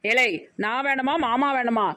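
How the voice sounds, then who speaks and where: A woman's voice: sits high, fairly even intonation, normal speed, a bit bright. A woman voicing a mischievous, playful young teacher in a cartoon, with a Tirunelveli Tamil accent and a teasing, sarcastic manner. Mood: sarcastic sulking.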